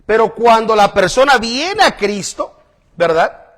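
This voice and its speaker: A man preaching a conversational sermon to a congregation, often checking in with "¿verdad?" and swinging between loud emphatic lines and quiet asides. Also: high voice, big pitch swings, unhurried.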